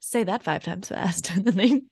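A woman's voice: mid-range voice, moderate pace, creaky, darkish tone. A young woman co-hosting a casual book podcast, playful and laughing as she quotes scenes. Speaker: podcast co-host. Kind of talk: casual chat.

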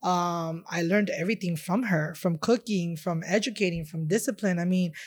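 In a fairly low pitch and at normal speed, a Chicago, USA restaurant owner shares her heritage as an interview guest. The conversation is casual, and she speaks heartfelt and rambling, filled with fillers.

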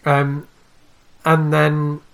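A man's voice: on the high side, monotone, drawn-out words, gravelly, clear, resonant tone. Hesitant male podcast host. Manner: hesitant, many restarts and fillers. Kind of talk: casual podcast interview.

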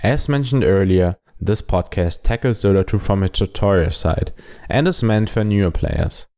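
A man's voice: sits low, normal speed, creaky, warm tone. A young man with a German accent, hosting a solo podcast and earnestly explaining things. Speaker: podcast host.

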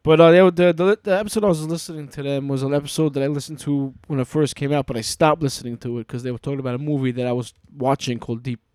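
A man's voice: mid-range voice, steady tone, darkish tone, clean tone, dry recording. Chatty man hosting a podcast, dry close mic. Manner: rambling, halting, with fillers and profanity. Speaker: podcast host. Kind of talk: casual chat.

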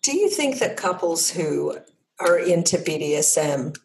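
Hoarse woman hosting a podcast chat. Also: lowish voice, sing-song, unhurried, darkish tone, rough recording. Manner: thoughtful, explains terms with many fillers. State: hoarse, croaky voice. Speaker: podcast host. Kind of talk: casual interview chat.

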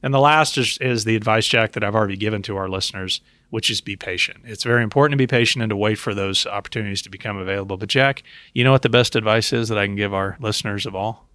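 A man with a fairly low voice hosts a podcast in an explanatory style. He addresses his listeners directly, and the sound is dry and close. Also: fast, sharp tone, no echo. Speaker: podcast host and investment professional. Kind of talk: podcast talk giving investment advice.

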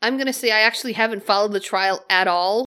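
A woman's voice: mid-range voice, quick pace, sharp tone, clear, resonant tone. Casual, joking female podcast co-host. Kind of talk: casual chat. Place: living room used as a home studio.

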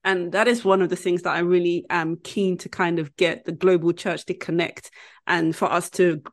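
A woman's voice: fairly low pitch, steady tone. A woman hosting a podcast, talking casually with a friend and often searching for her words. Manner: chatty, searches for words with fillers and quick apologies. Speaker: podcast host.

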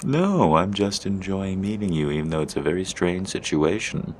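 A man's voice: low-pitched, animated, normal speed, a little hiss or hum. A man voicing Henry, a cheerful and helpful stranger who chats reassuringly in an audio roleplay. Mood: chatty. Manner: warm, chatty, reassuring.

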